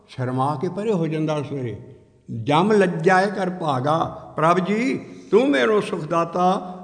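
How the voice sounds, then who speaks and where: A man's voice: high-pitched, gravelly, big-room sound. A man preaching an earnest, emphatic sermon, breaking into chanted hymn lines. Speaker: Sikh preacher. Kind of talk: sermon with sung scripture.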